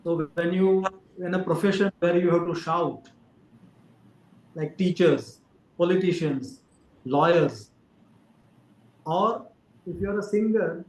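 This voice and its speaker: A man speaks as a doctor, explaining things patiently and filling pauses with "uh". His voice sits slightly high. The room around him rings with a noticeable echo. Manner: careful explainer with frequent fillers. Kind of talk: explaining to an interviewer. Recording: roomy echo.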